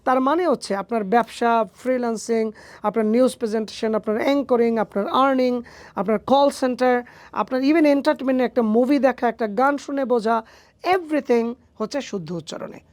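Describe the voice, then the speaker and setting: Speaking in a very high, slightly mellow voice at a moderate pace, this guest, an English phonetics teacher, responds to interview questions with emphasis and rhetorical questions. There's no echo on the recording.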